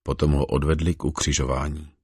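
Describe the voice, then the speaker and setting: A man giving a measured, solemn reading of scripture. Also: rumbling low, little pitch movement. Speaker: scripture reader.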